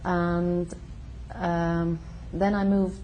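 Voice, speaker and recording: Low-voiced woman from Sweden, hesitant. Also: little pitch movement, dark tone, a little hiss or hum, low-quality recording. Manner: hesitant, many fillers and pauses. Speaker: interviewee. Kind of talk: casual conversation. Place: her home.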